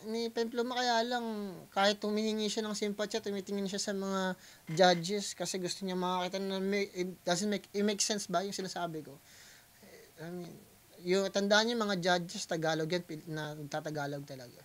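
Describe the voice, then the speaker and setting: A Filipino man hosting a reaction video, talking casually in mixed Tagalog and English, pausing often and calling out to his viewers. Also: sits high, fairly even intonation. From Philippines. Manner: hesitant Taglish, keeps addressing viewers as guys.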